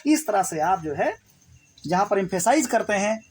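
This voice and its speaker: Husky tutor voice, steady explanatory delivery, repeats examples often and checks understanding. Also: mid-range voice, normal speed. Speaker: spoken English teacher. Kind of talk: explanatory lesson.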